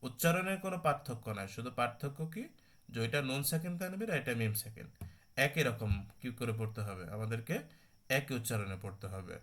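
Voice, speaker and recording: A man's voice: medium pitch, fairly bright tone. A man teaching a Quran recitation class online, talking conversationally, correcting himself and often checking that students follow. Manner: self-correcting, restarts mid-phrase; slow drawn-out recitation of examples.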